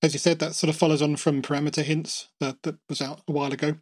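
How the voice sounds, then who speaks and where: A man's voice: fairly high pitch, little pitch movement, fast. A man hosting a casual podcast chat, talking in a chatty way with light humor. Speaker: podcast host.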